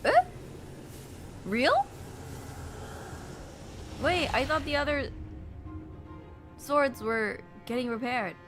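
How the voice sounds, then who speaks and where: A woman game streamer giving casual, giggly, expressive live reactions as she plays. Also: high voice, extremely slow, long pauses. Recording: game music behind the voice.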